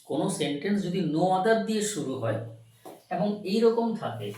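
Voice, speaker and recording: A man teaching an English grammar lesson, asking questions, answering them himself and repeating words slowly. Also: high-pitched, very animated, warm tone, distant mic. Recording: very echoey room, recorded from afar.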